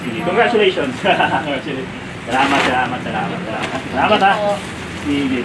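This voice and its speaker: A man's voice: mid-range voice, animated, a little fast. A man chatting casually as he hands out food aid, coaxing and repeating little tag questions. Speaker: vlogger handing out food aid. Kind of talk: casual on-location vlog. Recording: far from the mic, loud street noise.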